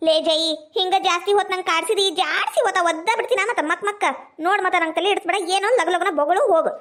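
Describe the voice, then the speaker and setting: A woman's voice: very high-pitched, quick pace, a bit bright. A woman with a North Karnataka accent playing a short-tempered village housewife who scolds and curses impatiently. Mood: impatient scolding. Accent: North Karnataka Kannada. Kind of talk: comedy skit acting.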